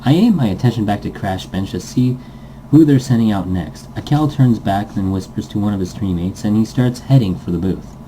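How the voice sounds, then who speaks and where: A man with a lowish, warm, animated voice reads a story aloud at a brisk pace as a let's player, stumbling over words, correcting himself, and throwing in goofy asides. The recording is rough, with a bit of hiss or hum.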